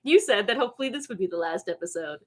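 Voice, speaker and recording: A woman's voice: medium pitch, expressive, fast. A woman co-hosting a podcast, teasing and giggling in casual banter. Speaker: podcast co-host.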